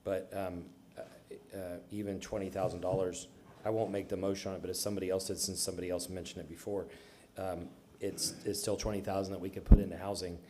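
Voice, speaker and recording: A man on a city council, questioning staff at a public budget hearing in a halting way, with many restarts. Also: low voice, level tone, warm tone, a little hiss or hum. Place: council chamber.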